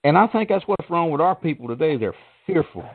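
A middle-aged or older man with a deep Southern American accent, chatting casually and folksily as a phone-in caller. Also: big pitch swings, fairly quick, breathy edge. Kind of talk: casual chat. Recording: tinny phone-like line.

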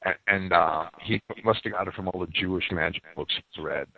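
A slightly rough, low male voice with vocal fry, talking a little fast, delivers a radio lecture answering critics. He explains in detail, cites sources extensively, and keeps restarting with repeated words, all heard through tinny phone-line audio.

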